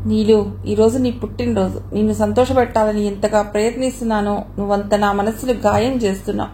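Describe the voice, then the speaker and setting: A woman's voice: mid-range voice, steady tone, a little fast, mellow, slight background noise, close to an everyday voice, low-quality recording. A woman reading the part of a heartbroken young man who pleads and reproaches in an audio novel. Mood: anguished.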